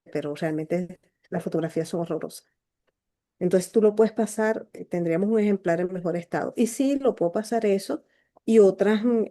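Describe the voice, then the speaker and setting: A woman literature professor, chatting informally with her students at the close of a class, with filler pauses. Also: mid-range voice, dark tone. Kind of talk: closing remarks in an online class.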